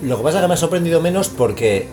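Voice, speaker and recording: A man's voice: on the high side, expressive, rapid-fire, over music. A man in his forties with an accent from Spain, chatting as a podcast guest, emphatic and swearing freely. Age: 40s. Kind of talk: casual music chat.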